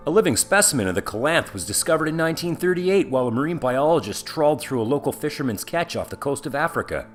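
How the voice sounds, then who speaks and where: A man's voice: fairly high pitch, very animated, fast talker, hardly any pauses. A man narrating a scripted facts video in an upbeat manner. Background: background music.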